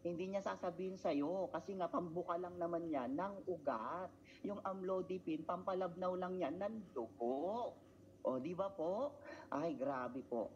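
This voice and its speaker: A man's voice: sits high, unhurried, darkish tone, a little hiss or hum. Muffled man giving a chanting seminar talk. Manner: rhetorical, tag questions, chanting repetition. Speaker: product trainer.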